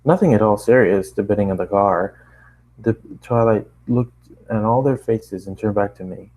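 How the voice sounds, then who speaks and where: This amateur fiction reader has a fairly low, slightly mellow voice and reads a first-person story at normal speed. Stumbles are frequent; he apologises and rereads the lines, all on poor-quality audio.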